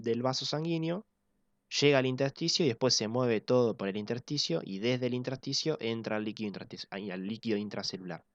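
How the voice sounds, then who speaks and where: A man teaching physiology in an online class, explaining step by step and slowing down to repeat key points. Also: on the low side, dry recording. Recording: dull lo-fi dry sound.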